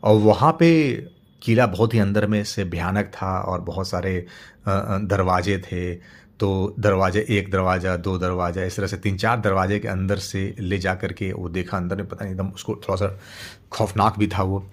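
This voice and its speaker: A man's voice: low-pitched, steady tone, normal speed. Middle-aged man telling a story. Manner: unscripted, with frequent fillers and repeated words. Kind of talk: casual spoken story narration.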